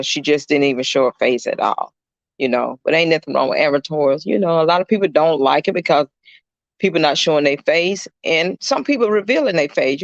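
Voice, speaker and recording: A man's voice: fairly high pitch, dry recording, highs cut off. A middle-aged man, a caregiver chatting casually on a livestream. He rambles, fills his talk with "you know" and greets viewers by name. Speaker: caregiver streaming live. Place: indoors at a client's home.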